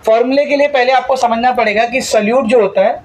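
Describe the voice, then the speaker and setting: A man's voice: extremely high pitch, fast talker, slight background noise, poor audio. A male chemistry teacher giving a classroom lecture, mixing English terms into his talk, calling students "beta" and asking the class questions that he then answers himself. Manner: asks the class questions and answers them himself, call-and-response drilling; addresses students fondly as "beta".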